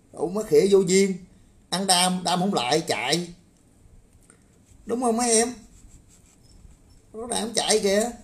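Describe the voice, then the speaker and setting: A man's voice: fairly high pitch, a little mellow. A man ranting crudely on a livestream, mocking and swearing, often asking viewers to agree. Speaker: political commentator. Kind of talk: livestream rant.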